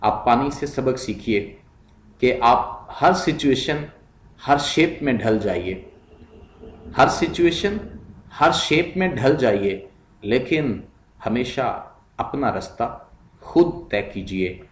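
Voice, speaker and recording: A male English teacher explains grammar in a mix of Hindi-Urdu and English. He reads English examples slowly and repeats each word. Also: medium pitch, animated, roomy sound, slight background noise. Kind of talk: recorded classroom lesson.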